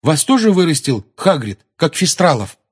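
A man's voice: fairly high pitch, big pitch swings, moderate pace, husky, voice pushed up. A man reading an audiobook voices a flustered schoolboy who stammers and apologises. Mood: eager.

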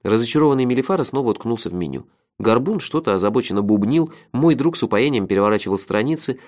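Expressive male audiobook narrator. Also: lowish voice. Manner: wry, expressive storytelling.

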